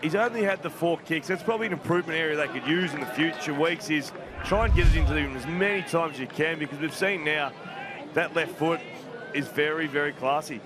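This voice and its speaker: Man, Australian accent, slightly high voice, conversational football analysis, crowd behind. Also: brisk. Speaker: special comments analyst. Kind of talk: live sports analysis. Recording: crowd behind live commentary. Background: crowd at outdoor ground.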